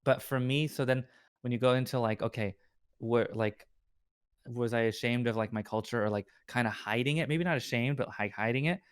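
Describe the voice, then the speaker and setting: A man's voice: medium pitch, fairly quick, smooth, dry recording. Young guy, podcast guest, loose rambling chat, lots of "like", bounces into quoted voices, dead-dry close mic. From Orange County, California. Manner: rambling, heavy use of "like" and "right?"; acts out other people's voices in quotes. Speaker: guest, lawyer and streamer.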